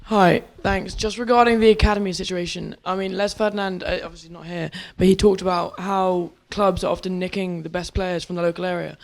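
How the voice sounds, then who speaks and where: A man's voice: high voice, fairly even intonation, brisk, creaky, few pauses. A man, a supporter, asking a question at a fans forum, polite but persistent.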